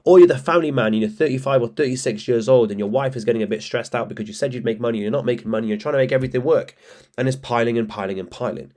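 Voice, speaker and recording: A man's voice: mid-range voice, very fast, darkish tone. A blunt, fired-up man lectures his viewers on trading, peppering his talk with swearing and "bro". His voice is a little stuffy from allergies, and a keyboard clicks now and then behind him. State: congested with allergies. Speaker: trading coach. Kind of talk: casual motivational talk to camera.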